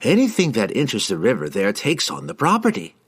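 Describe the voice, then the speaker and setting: A man voicing an excitable, fussy male wizard who gives eager, rambling explanations in an audiobook. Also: a little high, brisk, pitched above the performer's own voice.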